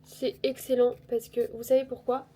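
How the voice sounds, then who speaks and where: This vlogger, a woman sick with a cold, speaks at normal speed in a slightly high, mellow, level voice gone nasal. Her chat is casual and rambling, peppered with self-mockery, recorded through a lapel mic on her phone.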